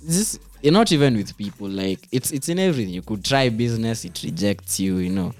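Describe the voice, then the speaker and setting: A young man with a Kenyan accent and very animated, swinging intonation chats casually over music. He argues his points emphatically and drops Swahili slang into his English. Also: lowish voice, a little fast. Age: young adult. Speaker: guest, performance poet. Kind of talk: bantering casual chat.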